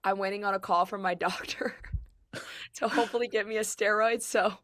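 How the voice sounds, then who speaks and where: Woman, sick and rough-voiced, bright tone, excitable casual chat, podcast guest. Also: mid-range voice, brisk. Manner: laughs often, excitable.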